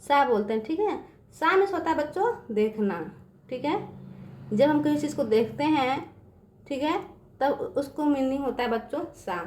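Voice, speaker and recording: Her voice is high, expressive and somewhat dark in tone, recorded in a reverberant space with slight background noise. Speaking at normal speed, she patiently repeats English words for children in an online class and frequently asks "समझ में आ गया बच्चों?"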